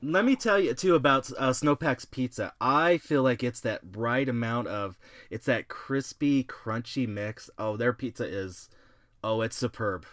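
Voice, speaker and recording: A man's voice: mid-range voice, a little slow, fairly bright tone, dry recording. A man hosting a casual podcast conversation. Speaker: podcast host.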